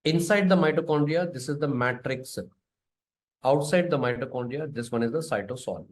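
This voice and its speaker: A man's voice: mid-range voice, normal speed. Indian man lecturing, informal and emphatic. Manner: repetitive, emphatic, often tags phrases with a questioning "sir"; switches between English and Hindi. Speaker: biochemistry lecturer. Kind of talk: informal exam-prep lecture.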